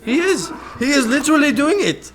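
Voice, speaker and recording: A man's voice: very high-pitched, lively intonation, brisk, a loud crowd. A man from France interviewing a guest in a casual chat, teasing and provocative as he reads out crude audience questions.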